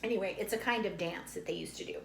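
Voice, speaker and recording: A storyteller with a teacherly style, this woman reads a children's book aloud expressively and unhurriedly for young listeners, though her speech is fast. Her voice is medium-pitched and creaky, set in a room with noticeable echo and faint background noise.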